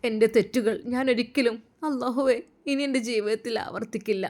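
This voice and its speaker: A woman's voice: high-pitched, moderate pace, voice pushed up, lightly acted. A woman voicing a young remorseful mother who prays tearfully and pleads for forgiveness. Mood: tearful pleading.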